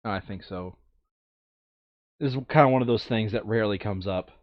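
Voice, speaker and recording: During casual board game chat, a man with a lowish voice talks at a moderate pace, muttering counts and thinking aloud through his moves. The recording is muffled, with no room sound.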